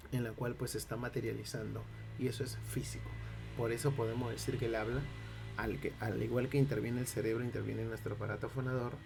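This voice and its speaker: A man's voice: mid-range voice, vocal fry, a little mellow, a little hiss or hum. A Peruvian man teaching a linguistics lesson, explaining step by step and checking in with his listeners. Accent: Peruvian Spanish. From Peru. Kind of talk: classroom-style linguistics lecture.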